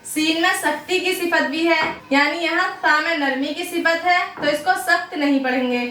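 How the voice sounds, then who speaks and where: A high-pitched woman teaches Arabic letter sounds in a patient lesson. She stretches out slow example pronunciations between explanations. Her voice sounds set back from the mic in a roomy, echoing space. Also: a bit bright, distant mic. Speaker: Quran recitation teacher.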